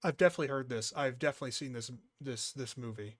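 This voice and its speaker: A man's voice: mid-range voice, fast talker, no room sound, clean studio sound. A man playing as a quiz contestant, chatting casually, thinking aloud and swearing freely.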